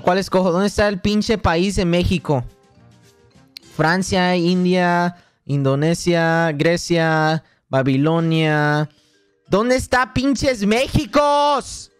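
A young Mexican-accented man streams a game and talks in a laid-back, unhurried way, boasting and cracking jokes. He swears constantly, and faint music plays behind him. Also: high-pitched, clean tone, dry recording. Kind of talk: casual gaming livestream.

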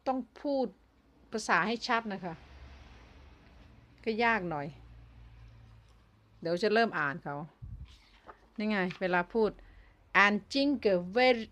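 A woman who runs a toy shop, chatting casually as she shows off a new toy, explaining in short, plain phrases with pauses between them. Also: fairly low pitch, a bit bright.

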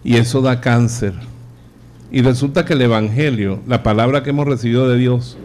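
A man's voice: mid-range voice, moderate pace, darkish tone, soft background music. A man, a priest giving a live sermon, telling jokes and acting out the characters. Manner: acts out joke characters with voice changes. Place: church or chapel hall, live audience. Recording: live radio broadcast, faint noise.

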